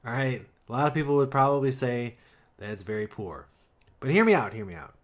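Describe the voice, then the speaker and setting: Man, average pitch, wry and teasing, casual political podcast chat. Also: lively intonation, a little fast. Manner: wry, teasing, hedges with 'I mean'. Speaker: podcast co-host.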